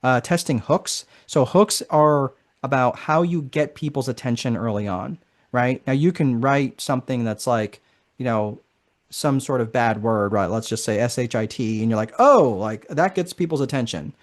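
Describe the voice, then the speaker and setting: Tagging his sentences with "right?" again and again, a man runs a live online course session in a relaxed, talkative way. He's a marketing strategist with a mid-range voice speaking at normal speed.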